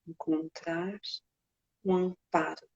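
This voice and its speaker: Slow, breathy Brazilian woman guiding meditation. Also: fairly low pitch, level tone, muffled recording. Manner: gentle, unhurried, with long pauses. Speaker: meditation guide. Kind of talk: guided meditation.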